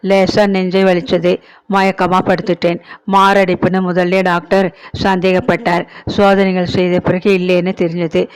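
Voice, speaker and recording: A woman reading the part of an aging, sick mother who speaks gently and consolingly in a storybook. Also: lowish voice, little pitch movement, normal speed, lightly acted, poor audio. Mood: tender.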